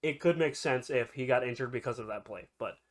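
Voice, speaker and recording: A man's voice: medium pitch, brisk. A man with a nasal, stuffed-up voice from a cold, casually talking viewers through his review and predictions, often restarting his sentences. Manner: rambling, self-correcting, speaks straight to viewers. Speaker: anime and manga reviewer. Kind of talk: casual chapter review commentary.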